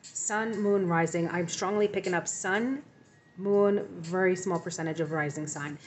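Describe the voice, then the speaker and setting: A woman's voice: fairly low pitch, unhurried, slight background noise. A woman giving a tarot reading to her viewers, speaking in a reassuring way with frequent ums and repeated phrases. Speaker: tarot reader.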